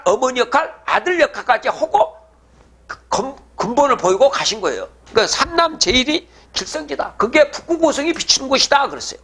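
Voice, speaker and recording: A man lecturing on prophecy in a high, animated voice with a bright, forceful edge. He asks rhetorical questions and then answers them himself, often checking in with his listeners. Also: breathy edge. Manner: checks in with the audience with "예?".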